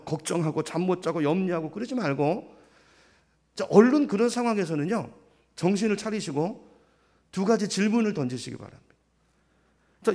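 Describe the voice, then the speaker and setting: Male pastor, middle-aged, animated sermon delivery with rhetorical questions and a high, bouncing voice. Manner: acts out quoted voices of others.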